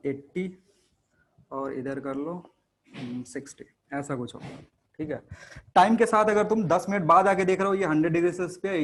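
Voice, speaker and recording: A man's voice: fairly high pitch, slight background noise. A male teacher giving a classroom lecture to students. He asks questions and answers them himself, and he mixes English technical terms into his Hindi.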